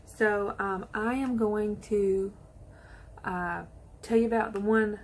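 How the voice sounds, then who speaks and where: A woman chatting excitedly to viewers while she does her makeup in a casual tutorial. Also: mid-range voice, slow, slight background noise. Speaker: beauty vlogger.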